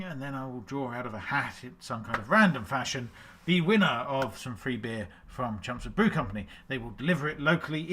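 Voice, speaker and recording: A man's voice: medium pitch, fairly bright tone. A man hosting a film quote quiz on a live stream, joking and reading quotes aloud with theatrical flair. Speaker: quiz host.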